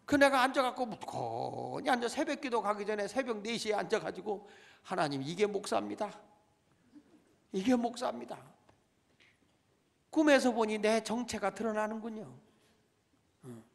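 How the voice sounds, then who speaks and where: A man's voice: high voice, very animated, normal speed, creaky. A middle-aged male pastor preaching a sermon, calling out to his congregation and pressing each point with dramatic emphasis. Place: church sanctuary. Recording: long church reverb.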